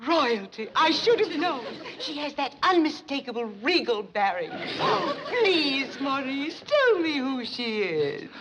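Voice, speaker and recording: A high, theatrical grande dame, snobbish and gushing, swooping through her phrases with affected hauteur. It is 1960s sitcom acting, on an old soundtrack with clear background noise. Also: very animated, takes it slowly, few pauses, heavily acted. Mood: eager, awed. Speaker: banker's wife character. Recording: noisy old television soundtrack.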